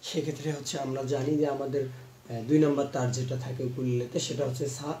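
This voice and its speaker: A man's voice: mid-range voice, little pitch movement, fairly quick, dark tone, slight background noise. A man teaching a rhythm on the ukulele, patient and explaining step by step, chanting the beat syllables aloud. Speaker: music teacher. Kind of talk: instrument tutorial.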